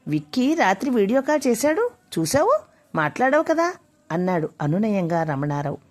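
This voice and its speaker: A woman voicing a gentle middle-aged father and husband who speaks in a soothing, patient way. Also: medium pitch, very animated, moderate pace.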